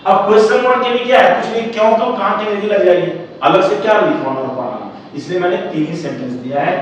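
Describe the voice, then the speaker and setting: A man teaching a grammar class in a strongly echoing room, heard from a distance over faint background noise. His voice sits a little high, and he repeats phrases, slowly stretching the words he wants to stress. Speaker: English teacher.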